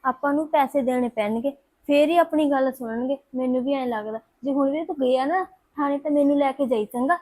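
A grieving young wife who will not sit quietly at home while the police stall, played by a woman. Her voice sits very high and she presses her point with tearful insistence. She is a figure in a family drama. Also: brisk, few pauses, natural voice. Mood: pleading. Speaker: sister-in-law in the family.

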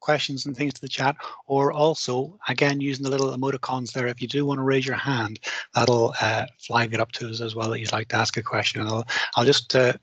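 Moderating a conference session from his home office via headset video call, the host offers warm, rambling thanks to the speaker and encourages questions. His voice is mid-range and husky.

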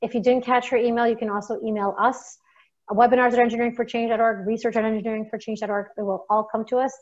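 A woman hosting an online seminar, wrapping up with thanks and announcements in a measured way over a video call. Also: a little high, level tone. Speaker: webinar host. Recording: dull lo-fi call audio.

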